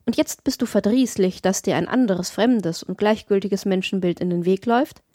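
A woman's voice: medium pitch, moderate pace, dark tone, dry recording, clean studio sound, natural voice. Woman reading a cheerful young wandering painter. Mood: friendly. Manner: friendly, teasing, earnest.

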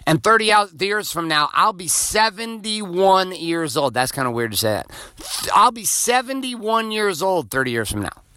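A man's voice: sits high, big pitch swings, unhurried, sharp tone, clean tone, dry recording. A man in his forties hosting a podcast, giving a blunt, profane motivational monologue. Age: 40s. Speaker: podcast host.

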